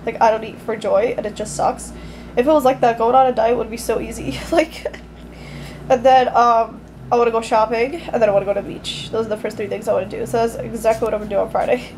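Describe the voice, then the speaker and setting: A young woman chatting casually and excitably in a vlog, recorded on a handheld camera in a bedroom. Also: fairly high pitch, fast, a little hiss or hum. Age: young adult. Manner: excitable, gushing, informal. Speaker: vlogger. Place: small bedroom indoors. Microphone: handheld camera at arm's length.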